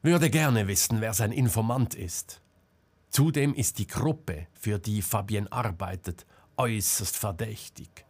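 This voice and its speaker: A man's voice: fairly low pitch, a little slow, husky. A man voicing a determined female reporter who confronts people bluntly and insistently, in an audiobook. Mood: indignant.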